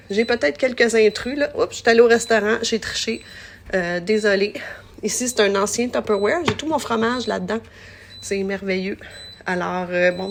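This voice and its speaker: Gravelly-voiced Québécois woman demoing at home. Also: medium pitch, slight background noise. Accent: Québécois French. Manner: chatty, stumbles over words. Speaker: home products seller. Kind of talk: casual live product demo. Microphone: phone.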